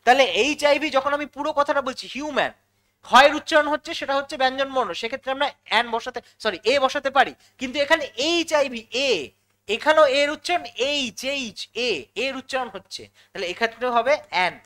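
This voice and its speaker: A quick-talking woman teaches English grammar. She goes step by step, repeats the key words and keeps checking in with her students through questions. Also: sits high, a bit bright. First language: Bengali. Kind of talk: classroom-style lesson explanation.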